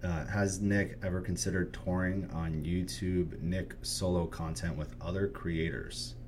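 A man's voice: deep voice, fairly even intonation, measured pace, a little mellow, slight background noise. A man hosting a casual interview, agreeing readily and using sweary bro slang. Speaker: podcast host interviewing a guest. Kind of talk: casual chat.

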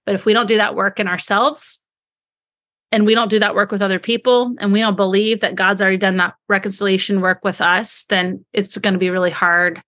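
A woman's voice: medium pitch, fairly even intonation, a little fast, fairly bright tone. A woman co-hosting a podcast, talking earnestly and reflectively without a script. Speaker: podcast co-host. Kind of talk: unscripted podcast talk.

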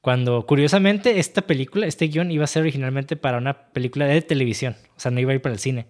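A man with a Mexican Spanish accent chatting casually about movies on a podcast, relaxed and slangy as he recounts film trivia. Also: medium pitch, fast.

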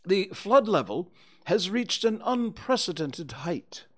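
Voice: mid-range voice, very animated, slow, husky, pitched above the performer's own voice, heavily acted. A storybook reader voicing a pompous, long-winded owl with hesitant, wordy delivery. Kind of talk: children's storybook character reading.

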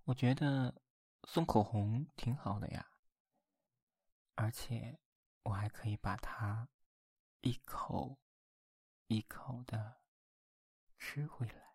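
Male actor as tender teasing boyfriend, binaural ASMR role-play: very slow, soft and mellow, intimate at the ear. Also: medium pitch, slightly rough, no echo. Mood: playful, affectionate. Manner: intimate binaural murmur close to the listener's ear; slow, coaxing, playful. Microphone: very close binaural microphone, dry.

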